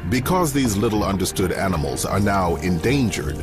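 A man with a fairly low voice narrates a nature documentary. His delivery is measured and dramatic, like scripted storytelling, with music clearly playing underneath. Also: sing-song. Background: background music.

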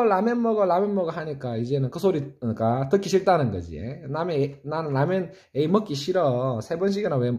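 A middle-aged man with a Gyeongsang Korean accent teaches music theory online, quizzing viewers and answering his own questions in a sing-song way. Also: darkish tone. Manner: call-and-response quizzing, asks then answers himself; sing-song, jumps between high questions and low answers. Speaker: saxophone teacher.

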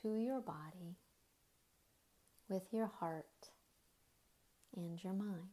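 A woman with a voice on the low side guides a body scan meditation. Her manner is gentle and unhurried, with short phrases, long pauses, and soft, breathy endings.

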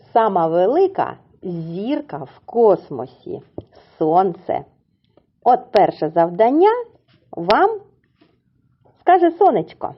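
In a muffled recording, a woman with a mid-range voice teaches little children, stretching words slowly into separate syllables. Her sing-song, coaxing tone fits her role as a preschool teacher.

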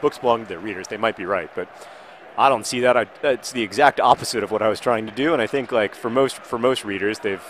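A man in his thirties talks over a football video game in a loose, rambling way, restarting sentences and trailing off. Now and then he breaks into loud, excited play-by-play. A faint noise sits under the recording. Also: lowish voice, fast. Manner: rambling, self-interrupting, bursts into excited play-by-play shouting. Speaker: gaming video host.

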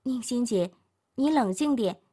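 Give me a woman playing an earnest young woman talking a heartbroken friend round in an audiobook. Her voice is a little breathy and lively in pitch, gentle and persuasive. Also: measured pace. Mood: coaxing.

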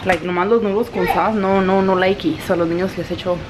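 A woman's voice: on the low side, fairly quick. Chatty woman. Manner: chatty, expressive, switches freely between Spanish and English. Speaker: vlogger. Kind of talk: casual home vlog. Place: home, kitchen and laundry area. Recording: noisy home recording.

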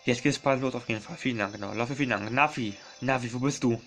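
A man's voice: mid-range voice, quick pace, a bit bright, faint music behind. A man doing casual let's play commentary, rambling and apologizing often, repeating his words and calling his viewers his friends.

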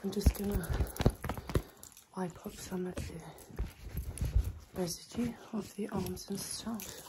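A woman in her twenties doing an ASMR role-play as a medical attendant, close to the mic, giving brisk, bossy, clipped instructions. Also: medium pitch, fairly even intonation, very noisy. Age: 20s. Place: small room indoors by an open window. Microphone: close to the mic, leaning over the camera.

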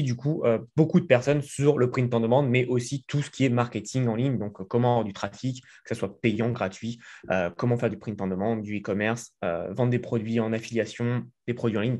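This French guest entrepreneur in his thirties talks at normal speed with hardly any pauses, in a mid-range, a little mellow voice with a steady tone. He's being interviewed casually from his living room, chatty and full of fillers, and a desk mic is in frame.

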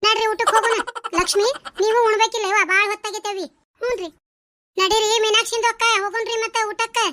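Casting: gossipy village aunties, North Karnataka Kannada, very high, bright and rapid. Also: female voice, little pitch movement. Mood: teasing. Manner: bossy, teasing, gossipy. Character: chatty, teasing village women at a wedding. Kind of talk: cartoon voice acting.

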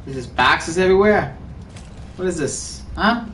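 Joking New gamer, roomy sound. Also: male voice, a little high, animated, a little slow, a bit bright. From New York. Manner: joking, playful, narrates what he finds. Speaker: gaming host. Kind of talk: casual gameplay commentary. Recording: echoey room, mic at a distance, faint noise.

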